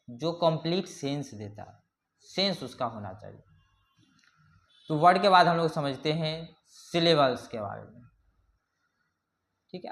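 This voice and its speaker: Slow, deliberate male teacher. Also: on the high side, a bit bright. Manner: slow explaining, reads English definitions word by word, repeats "ठीक है". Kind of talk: grammar lesson.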